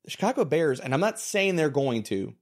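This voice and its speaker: Slightly high-voiced man talking football stats. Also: sing-song, a little fast. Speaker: fantasy football analyst. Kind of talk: casual sports chat.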